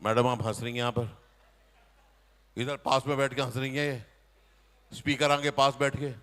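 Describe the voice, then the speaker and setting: A man performing comic storytelling live on stage in a community hall, animated and teasing his audience. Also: medium pitch, moderate pace. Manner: animated, addresses and teases the audience. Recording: long reverb of a community hall.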